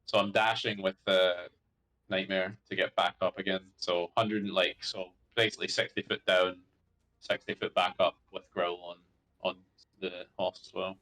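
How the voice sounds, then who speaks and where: A man's voice: low-pitched, flat delivery, moderate pace, fairly bright tone, rough recording. A man playing a tabletop game, explaining his moves and checking the rules. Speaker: player. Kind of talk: casual tabletop game chat.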